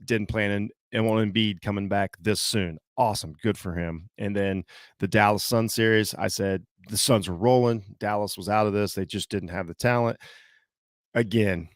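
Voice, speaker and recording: A man from Southeastern Ohio with a slight Southern accent, hosting a casual solo sports podcast, talking haltingly with many fillers and restarts. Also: on the low side, fairly even intonation, dry recording, clean studio sound. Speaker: podcast host.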